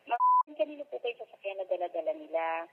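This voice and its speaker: A man with a husky voice speaking over the phone, often checking that the listener follows. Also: high-pitched, big pitch swings, fast talker. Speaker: phone caller. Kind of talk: phone conversation. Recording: tinny, narrow telephone line.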